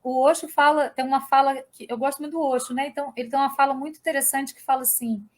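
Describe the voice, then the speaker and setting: A woman's voice: high voice, steady tone, fast, slight background noise. A woman with a Brazilian Portuguese accent, reflecting in a casual, conversational way for a study group.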